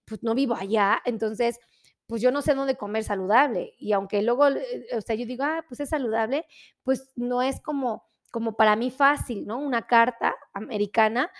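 A woman's voice: on the high side, moderate pace. A woman from Mexico hosting a casual live stream, chatty and exclamatory, greeting viewers by name. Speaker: livestream host greeting viewers.

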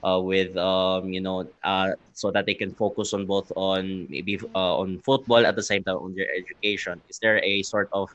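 Low, flat man from Mindanao posing long questions; dry audio. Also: no room sound. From Mindanao, Philippines. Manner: rambling, hesitant questions. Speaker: panel guest asking questions.

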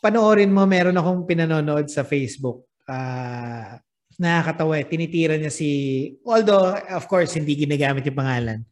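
A podcast host with a Filipino accent chats loosely on a casual show, laughing often and mixing English into his Filipino. His voice is fairly high for a man, and he speaks at a normal speed.

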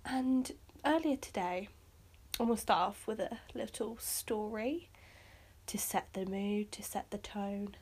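A woman hosting her own podcast, chatting casually and rambling with lots of fillers. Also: mid-range voice. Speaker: podcast host. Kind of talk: casual solo podcast chat.

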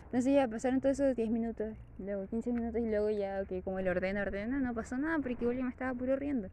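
A woman with a Chilean accent casually telling a story to camera, laughing often in a lively, chatty way. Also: on the high side, rapid-fire, a little hiss or hum. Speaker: vlogger.

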